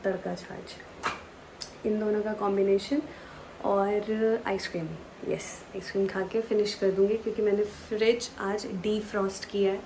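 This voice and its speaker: Mellow-voiced young woman vlogging from home. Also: mid-range voice, slight background noise, low-quality recording. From Bihar, India. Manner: chatty, talks straight to viewers. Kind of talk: casual home vlog. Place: home kitchen, indoors.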